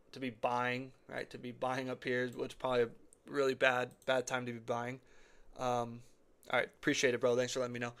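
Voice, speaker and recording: A man's voice: medium pitch, clear, resonant tone. A man hosting live crypto chart commentary, rambling and repeating himself, his voice slightly cracked. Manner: rambling, repeats phrases, says okay and right often. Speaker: crypto chart analyst host.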